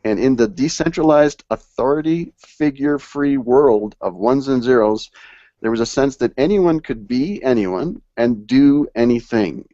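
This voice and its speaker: Guy hosting an online panel over video call, reads stuff out slow and leans on key words, sound a bit muffled, dry. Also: medium pitch, dark tone, no echo. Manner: reads passages aloud and stresses key words. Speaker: host of a live online panel.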